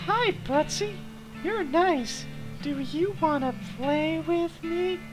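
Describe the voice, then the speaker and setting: A man voicing a cheerful, childlike little girl talking doll in a sing-song falsetto, for a video game playthrough. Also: takes it slowly, over music, poor audio. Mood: sweet, inviting.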